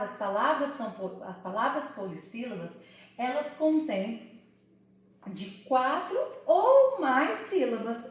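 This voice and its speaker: Woman teacher with a lively voice. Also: sits high, heavy reverb, distant mic. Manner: slow, syllable-by-syllable explaining. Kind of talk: online Portuguese lesson for children.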